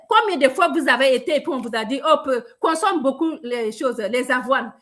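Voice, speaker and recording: A woman from Burkina Faso giving a lively, emphatic sales training talk, addressing her listeners directly. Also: a little high. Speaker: product presenter.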